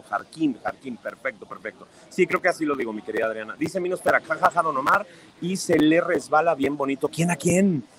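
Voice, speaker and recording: Mexican male streamer, mid-pitch, warm banter with his chat, teasing, affectionate. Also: low-quality recording. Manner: chatty and affectionate, playful teasing. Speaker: livestream host. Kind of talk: casual live chat, reading viewer comments aloud.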